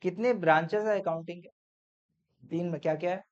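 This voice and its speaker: A man's voice: high-pitched, brisk, highs cut off. A male accounting teacher revising a lesson with his class, quizzing them and going through numbered points, mixing English terms into Hindi. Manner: drills points in numbered lists, quizzing students.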